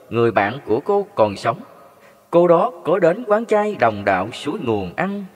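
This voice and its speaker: A man narrating a devotional story. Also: medium pitch. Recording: long hall reverb.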